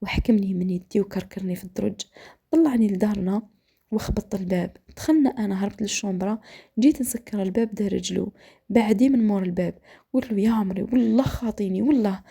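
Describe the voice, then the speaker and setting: A woman with an Algerian accent and a gravelly, medium-pitched voice tells a dramatic story quickly while cooking. She often drops to a hushed whisper.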